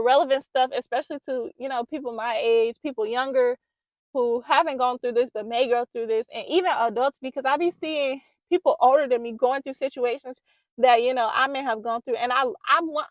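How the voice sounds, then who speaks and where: Emphatic high-voiced young woman vlogger. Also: brisk, no echo, lo-fi sound. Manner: emphatic, preachy, repeats for emphasis. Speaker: vlogger giving relationship advice. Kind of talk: casual advice talk to camera. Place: small room at home. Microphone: close microphone.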